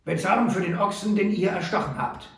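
A man voicing a sly, mocking old male trapper who drawls slowly in a high, gravelly voice. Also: recorded from a distance. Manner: slow, teasing drawl. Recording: roomy echo.

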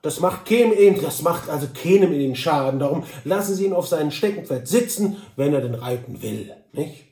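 A man's voice: a little high, lively intonation, moderate pace, few pauses, darkish tone, echoey room, distant mic. A man voicing a jovial, teasing, stout frontiersman with an Altenburg accent, hearty and coaxing. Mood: reassuring. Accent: Altenburg dialect.

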